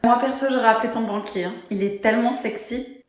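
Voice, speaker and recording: A woman's voice: a little high, steady tone, fairly quick, echoey room, natural voice. Woman doing a blunt cheeky best friend.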